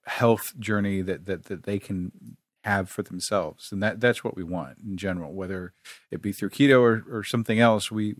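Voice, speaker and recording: Podcast co-host, male, lowish voice, halting casual delivery full of fillers, dry close sound. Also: no echo. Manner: halting, with many fillers and restarts.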